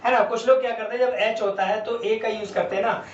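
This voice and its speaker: Man, English teacher, grammar lesson, spells words out, higher voice, distant echoey mic. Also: fairly even intonation, fast talker. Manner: spells words letter by letter, asks and answers own questions. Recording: roomy, distant, dull lo-fi sound with faint background noise.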